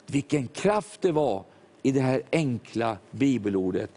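A man's voice: mid-range voice, lively intonation, dark tone. Older man preaching a sermon. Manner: storytelling, acts out quoted voices. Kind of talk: sermon testimony.

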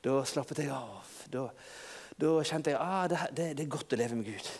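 A preacher voicing the elderly Peter telling his grandchild about a night at sea, in a low, hushed confiding tone. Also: expressive, vocal fry. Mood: relieved.

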